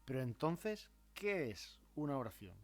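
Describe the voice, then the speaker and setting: Man explaining grammar over soft music. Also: medium pitch, big pitch swings. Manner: measured, acts out example phrases with marked intonation. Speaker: language teacher.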